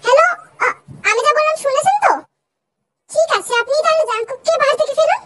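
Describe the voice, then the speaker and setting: Sassy bossy young wife voiced by a woman, very high voice, sharp quick retorts, comic fan dub, faint noise. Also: low-quality recording. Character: bossy young wife fielding angry phone calls.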